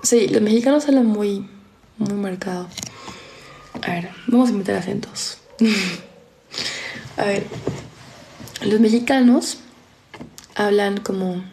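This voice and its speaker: A tired eighteen-year-old Peruvian woman chats with her viewers in a Peruvian Spanish accent. Her voice is dark and mellow, heavy with gravelly fry. She reads each question aloud, then answers in a loose, chatty way with soft asides. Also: medium pitch, slow, pauses often, slight background noise. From Peru. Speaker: live streamer.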